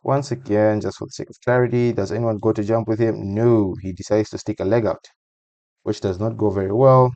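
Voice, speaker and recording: Male football analyst, low voice, dry close sound, chatty and repetitive. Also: steady tone, fairly quick, darkish tone, dry recording, highs cut off. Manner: conversational, repeats phrases for emphasis. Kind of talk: casual voice-over match breakdown.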